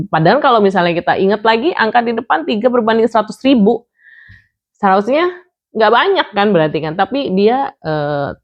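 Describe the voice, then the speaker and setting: Chatty woman vlogger, low voice, lots of fillers and restarts, kinda dull lo-fi audio. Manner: chatty, many fillers and restarts, drops English words into the talk. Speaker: vlogger telling a personal story. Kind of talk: casual storytelling. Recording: dull lo-fi sound.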